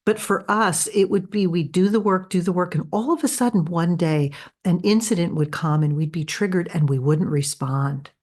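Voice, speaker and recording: Woman, kinda low voice, gentle spiritual podcast talk, reassuring, lots of "right?". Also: normal speed, few pauses. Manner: soft, earnest, reassuring, with many restarts and "right?". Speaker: spiritual healing podcast host.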